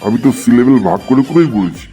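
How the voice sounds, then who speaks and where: A man's voice: mid-range voice, big pitch swings, racing, warm tone, soft background music, natural voice. A man voicing a smug village teacher in a cartoon comedy, explaining patiently and with self-assurance. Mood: self-assured. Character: smug male village teacher, sure of his wrong English.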